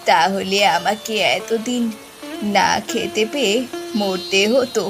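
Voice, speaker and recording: A woman voicing a gentle, sorrowful old grandmother in a cartoon, talking in a slow, grieving lament. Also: mid-range voice. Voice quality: creaky, gravelly. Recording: music loud under the voice.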